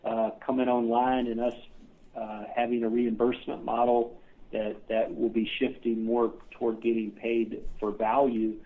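A man's voice: medium pitch, flat delivery, normal speed. Man on a tinny phone line. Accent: Midwestern American. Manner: earnest, many filler uhs. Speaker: clinic CEO guest. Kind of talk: podcast interview answers.

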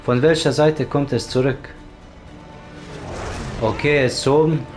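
A man's voice: mid-range voice, steady tone, measured pace. A man giving casual commentary on his gameplay, swearing often and urging the game on with repeated words. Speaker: let's play gamer. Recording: voice over loud game music and gunfire. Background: game music and gunfire.

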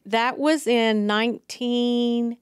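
A middle-aged woman talking as an interview guest in a small studio, unhurried and full of fillers. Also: on the high side, fairly even intonation, clear, resonant tone, dry recording. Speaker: district receptionist, guest. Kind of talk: casual interview. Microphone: podcast mic on boom arm.

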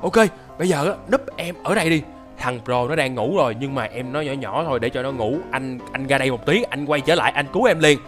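A young man narrating his gameplay excitedly, repeating words and reacting nervously. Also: mid-range voice, quick pace, soft background music. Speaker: gaming YouTuber.

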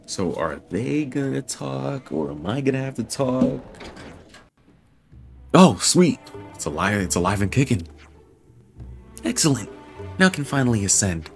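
A man's voice: mid-range voice, very animated, unhurried, gravelly, long pauses, faint music behind. A young man casually commentating a video game playthrough, rambling to himself and swearing freely. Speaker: gaming video creator. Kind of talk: casual let's-play commentary.

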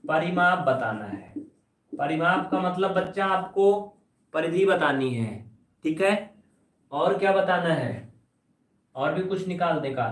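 Hindi maths teacher in an echoey room. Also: male voice, sits high, distant mic. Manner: teasing, addresses students as children, coaxing answers. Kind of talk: live online maths class. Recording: roomy echo, voice from off the mic.

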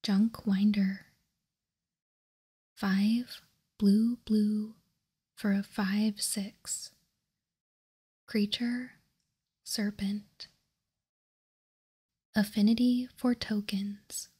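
The host of a card game ASMR channel, a woman with a mid-range voice, whispers close to the microphone in a breathy, unvoiced way. Calm and deliberate, she gives hushed commentary on each card.

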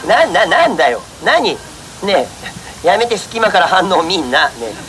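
A man with a high, bright voice works a live outdoor street show, bossing and teasing a trained monkey one moment and speaking courteously to the crowd the next. Festival ambience hums loudly around him. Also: big pitch swings, normal speed, noisy background. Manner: jokingly scolds and coaxes a monkey, then politely addresses the audience.

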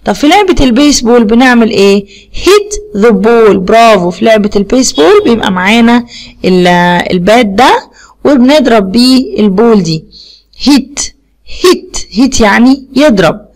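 A woman's voice: fairly high pitch, lively intonation, moderate pace, darkish tone. A woman with an Egyptian Arabic accent teaches young children English words in a recorded video lesson. She says each word twice and quizzes them with simple questions.

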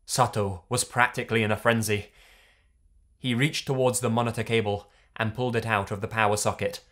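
A man's voice: fairly low pitch, flat delivery, fairly quick, fairly bright tone. A man reading a horror story aloud in the first person, tense and dramatic. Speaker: narrator. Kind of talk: scripted horror story narration.

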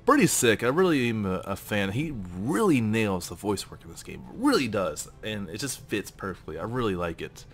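Lively, chatty gameplay host, a man. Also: on the low side, normal speed, few pauses. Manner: chatty and enthusiastic. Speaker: let's play host. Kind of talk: casual gameplay commentary.

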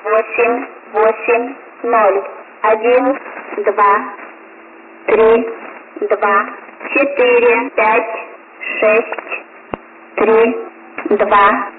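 A woman reading out strings of numbers in a flat, mechanical numbers station monotone, heard over shortwave radio. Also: fairly high pitch, very slow, long pauses, phone-quality sound, noisy background. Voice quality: flat, mechanical, evenly spaced delivery. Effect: numbers station monotone readout. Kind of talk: repetitive number callout broadcast. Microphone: received over shortwave radio.

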